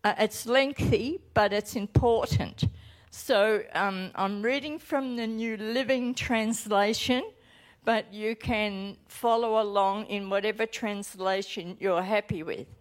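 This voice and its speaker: A woman pastor with an Australian accent and a mid-range voice preaches a sermon and reads scripture aloud. She sounds earnest and deliberate, with small hesitations.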